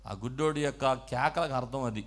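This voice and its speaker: A male pastor giving a call-and-response sermon, moving between quiet explaining and loud shouted preaching as he has the congregation repeat his words. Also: mid-range voice, a little fast. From South India.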